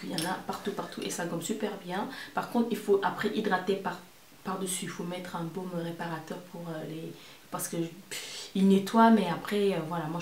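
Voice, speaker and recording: Woman vlogger in an echoey room. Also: lowish voice. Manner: repeats words and phrases for emphasis. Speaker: beauty vlogger presenting product favourites. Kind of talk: casual product review to camera. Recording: roomy echo, distant mic, faint noise.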